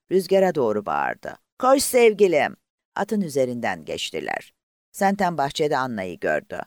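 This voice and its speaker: A man's voice: medium pitch, darkish tone, dry recording, clean studio sound. A man narrating an audiobook expressively and voicing the characters himself.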